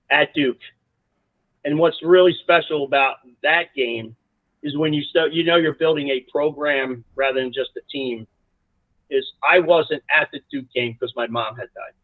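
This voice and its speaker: A man from South Jersey, a college soccer coach, telling lively stories as a guest with lots of restarts. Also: a little high, normal speed, no room sound. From South Jersey, USA. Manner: animated, rambling anecdotes with many restarts. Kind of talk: casual storytelling interview. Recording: dry, tinny phone-like line.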